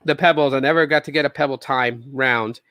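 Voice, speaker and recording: A man's voice: medium pitch, a little fast, bright, forceful tone, no echo. A man in his thirties hosting a solo tech podcast, talking casually and rambling with sarcastic asides and lots of restarts. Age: 30s.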